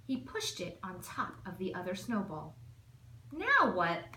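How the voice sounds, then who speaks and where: Reading a children's storybook at normal speed, this assistant principal uses a fairly low, expressive voice. Her delivery is rhythmic and emphatic, captured in an echoey room with some faint noise.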